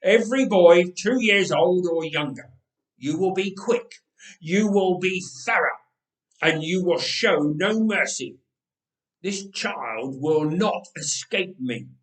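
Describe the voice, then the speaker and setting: A man acts out a wicked old storybook king, paranoid and ruthless. He broods and declares with theatrical force, in a fairly high male voice that rings in an echoing room. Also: lively intonation, slow pace. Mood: cold, ruthless. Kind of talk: dramatic storybook reading. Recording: roomy echoing voice recording.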